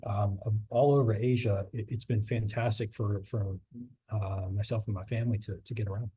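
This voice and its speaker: Here a middle-aged man, invited to speak about his maritime work, rambles casually with lots of fillers and false starts while his voice fades a bit. It's a husky, dark-toned voice of medium pitch.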